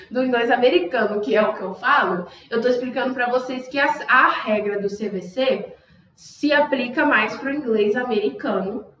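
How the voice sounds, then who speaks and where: A young woman with a high voice gives an online English lesson and patiently walks through a rule. She says example words several times, pushing hard on the stressed syllable. Her voice sits a little back from the mic in an echoey room. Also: fairly bright tone, distant mic. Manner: explanatory, repeats example words with exaggerated stress. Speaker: English teacher.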